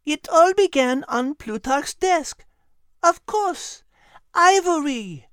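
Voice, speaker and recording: Man putting on a high, lilting French voice for a sharp, warm-hearted little animal girl in a storybook, swooping up and down as she puzzles things out. It is dry and close, with no room around it. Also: lively intonation, no room sound, exaggerated voice. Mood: thoughtful. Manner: marveling, quick to piece things together. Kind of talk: storybook character voice.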